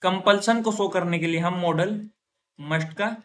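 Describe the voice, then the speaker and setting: A man with a high voice lectures on English grammar in a classroom, explaining step by step and often asking and answering his own questions. He says example sentences slowly and more loudly.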